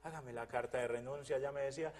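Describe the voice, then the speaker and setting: A man's voice: medium pitch, steady tone, quick pace, a little mellow, in a large hall. A man from Colombia gives an earnest, fervent religious testimony, often repeating his phrases. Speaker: testimony guest.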